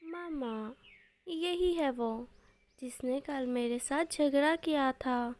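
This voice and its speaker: A woman's voice: high voice, slow pace, a little mellow. A woman voicing a young boy animal in a cartoon story, childlike and complaining. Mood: whiny.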